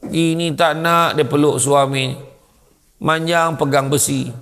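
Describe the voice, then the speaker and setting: A man giving a humorous religious lecture, telling comic stories in an animated way. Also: a little high, takes it slowly. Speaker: preacher. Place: mosque lecture hall.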